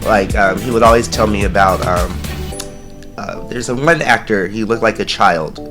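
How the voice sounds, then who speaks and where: A man's voice: fairly low pitch, normal speed. Man in his forties, music behind. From San Francisco Bay Area, California. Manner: friendly, laughs easily, storytelling. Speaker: guest, actor and dancer. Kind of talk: casual interview chat. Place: podcast studio.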